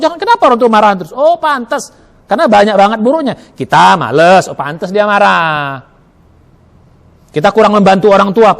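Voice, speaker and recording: A man preaching a Ramadan sermon in a mosque, acting out inner thoughts with lively "oh" asides. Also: sits high. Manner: lively, acts out inner dialogue with many "oh" asides.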